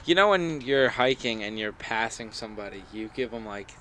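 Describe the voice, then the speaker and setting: A man's voice: medium pitch, expressive, normal speed, pushed and bright, a little hiss or hum. A young man co-hosting a casual podcast, rambling through a hiking story and acting out quoted voices. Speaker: podcast co-host. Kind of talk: casual chat.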